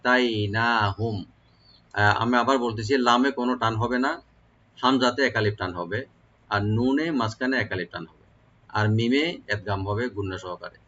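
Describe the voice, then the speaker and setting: A man teaching the rules of Quran recitation, explaining each sound slowly and then chanting the verse in a long, melodic style. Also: fairly low pitch, sharp tone, dull audio, slight background noise. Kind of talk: tajweed lesson with recitation.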